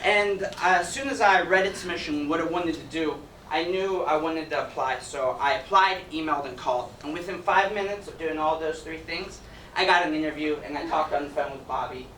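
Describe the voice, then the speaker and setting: Young guy from ecuador doing a chatty talk, bit high voice, echoey hall, mic kinda far. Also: fairly quick, a bit bright. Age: young adult. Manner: upbeat, conversational, jokey. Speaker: student presenter. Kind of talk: presentation talk. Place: event hall with audience. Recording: roomy, distant mic, noisy.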